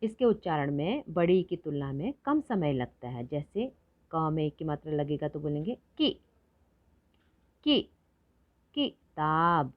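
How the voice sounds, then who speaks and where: A woman teaching children to read, explaining quickly and then drawing out each word slowly so they can repeat it. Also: low-pitched, dry recording. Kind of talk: Hindi phonics lesson for children. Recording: dull lo-fi recording.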